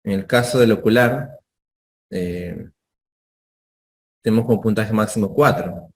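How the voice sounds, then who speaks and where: A man's voice: fairly low pitch, a little slow, a little hiss or hum. A man teaching a medical lesson, explaining step by step, ending phrases with tag questions and acting out short exchanges with patients. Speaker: medical lecturer.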